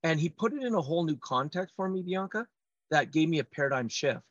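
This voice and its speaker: Man, fairly high voice, emphatic storyteller, podcast guest, slightly muffled dry recording. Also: expressive, fairly quick, no echo. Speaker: podcast guest, trainer and speaker. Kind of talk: conversational storytelling in an interview.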